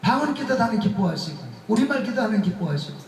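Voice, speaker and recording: A man preaches a revival sermon at very high pitch and very fast speed, full of humorous, animated stories and laughter. Recorded in an echoey church sanctuary, his voice sounds distant, with a little hiss or hum.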